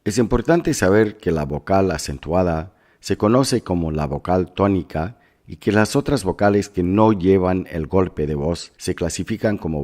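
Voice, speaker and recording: A man instructor reading scripted class notes in a measured, instructive way as a lesson voice-over. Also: low-pitched, a little mellow.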